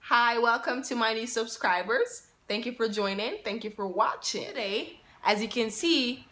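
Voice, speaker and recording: A woman's voice: on the high side, normal speed, a bit bright. A Jamaican woman vlogging in a chatty way, repeating herself and asking her viewers questions. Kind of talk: casual talk to camera.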